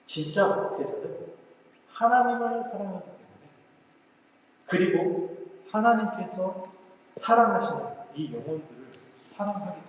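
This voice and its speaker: A man preaching a sermon in a church sanctuary, earnest and reflective, letting phrases fall soft and slowing down for emphasis. His voice sits a little high for a man and rings out in a big, echoing hall. He sounds a bit far from the mic, with faint room noise underneath. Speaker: pastor. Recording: roomy hall echo, mic at a distance.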